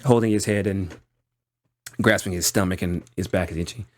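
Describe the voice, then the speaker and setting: A man working as game master, narrating a tabletop roleplaying game in a halting, piecemeal way. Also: deep voice, fairly even intonation.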